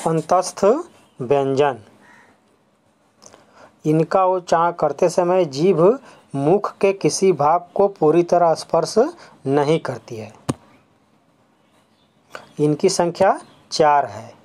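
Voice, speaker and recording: A school teacher giving a grammar lesson, explaining step by step, repeating each term, mixing in English words and asking the class quick questions before answering them. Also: mid-range voice, a little mellow. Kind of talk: classroom lesson on letters and sounds.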